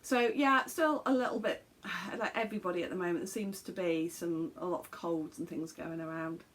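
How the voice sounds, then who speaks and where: Her voice fairly low and her pace normal, a woman from England in her fifties hosts a knitting podcast. She chats casually to a camera in a small bedroom craft room indoors, rambling with lots of fillers and self-corrections.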